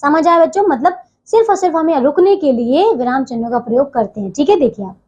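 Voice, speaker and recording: A young woman teaching a grammar lesson to schoolchildren, patient and repetitive, often checking that the children follow. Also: sits high. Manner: patient, repeats "theek hai bachchon" constantly.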